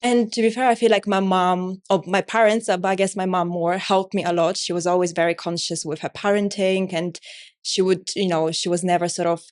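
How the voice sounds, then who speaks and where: A young woman from Poland, speaking English as a second language, talks in a relaxed, meandering way full of fillers. Her voice sits a little low for a woman. She is a guest in a casual conversational interview. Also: brisk. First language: Polish. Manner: rambling, many fillers like "like" and "you know". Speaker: interview guest, artist and business owner.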